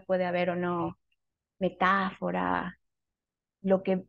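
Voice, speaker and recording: A woman's voice: mid-range voice, a little mellow, no room sound, lo-fi sound. A woman writer in a casual interview, speaking thoughtfully and animatedly with many fillers and self-corrections.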